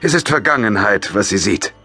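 A man's voice: on the low side, expressive, moderate pace, sharp tone, husky, soft background music, voice pushed up, full character voice. A man voicing a stern older rebel leader who speaks brusquely and firmly in an audiobook. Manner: brusque, firm.

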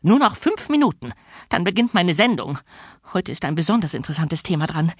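A man voicing a cruel, shrill old orphanage matron who screeches insults at a boy. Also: very animated, a little fast, breathy edge, no echo, studio quality. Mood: shrieking scolding.

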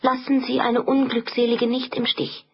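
A woman's voice: little pitch movement, normal speed, highs cut off, a little hiss or hum, close to an everyday voice. A woman reading an audiobook, voicing a distressed young Spanish noblewoman who pleads for help in a raised, urgent voice. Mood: pleading. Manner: pleading, breathless, raised pitch.

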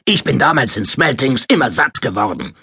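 A man's voice: mid-range voice, lively intonation, normal speed, pushed and bright, husky, no echo, clean studio sound, exaggerated voice. A man voicing a blustering, bullying middle-aged uncle who bellows his tirades in an audiobook. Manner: roaring, table-pounding tirades.

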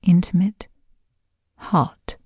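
Woman, sultry close-mic narrator: dark, breathy, very slow, half-whispered. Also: no room sound. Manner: slow, hushed, seductive delivery with whispered phrases. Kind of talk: scripted intimate second-person audio narration.

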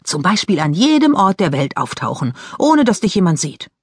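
A woman's voice: fairly low pitch, sing-song, moderate pace, slightly rough, dry recording, clean studio sound. A woman voicing an emotional teenage girl in an audiobook, pleading and upset. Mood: distraught. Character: upset teenage girl, ballet dancer on crutches.

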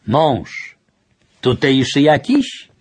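A man's voice: medium pitch, big pitch swings, drawn-out words, breathy edge, no echo, exaggerated voice. A man voicing a suspicious, half-deaf old grandfather in an audiobook, asking fearful questions. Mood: wary.

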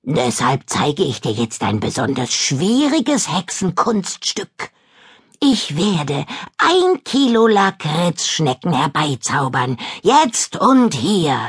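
A woman voicing a boastful, clumsy female witch with a hoarse voice and a slow, bragging way of chanting spells. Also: low voice, sing-song, heavily acted.

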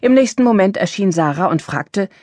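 Expressive female audiobook narrator. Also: medium pitch, moderate pace, no echo. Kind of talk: scripted narration.

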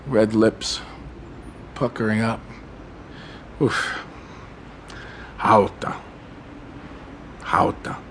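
A man's voice: mid-range voice, slight background noise. A man reading a first-person story aloud as a rambling, wistful monologue, stumbling and restarting as he remembers. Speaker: audiobook narrator.

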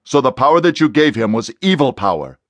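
A man voicing a stern, confident male exorcist in an audiobook, delivering forceful, insistent commands. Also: mid-range voice, big pitch swings, fairly quick, no echo, voice pushed up. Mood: commanding. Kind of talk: audiobook character voice.

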